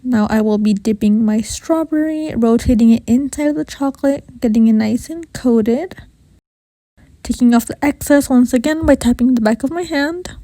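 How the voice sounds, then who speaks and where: A woman's voice: fairly high pitch, normal speed, mellow, no room sound. A woman narrating a how-to baking tutorial in an informal way, with a slight lisp and whistling s. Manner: addresses viewers informally as you guys. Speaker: baking video host.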